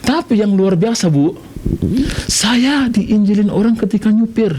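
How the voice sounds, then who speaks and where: A middle-aged preacher from Medan with a high voice gives his testimony on radio. He swings between big exclaims and quiet, confiding asides. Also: a little slow. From Indonesia, Medan. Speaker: pastor guest.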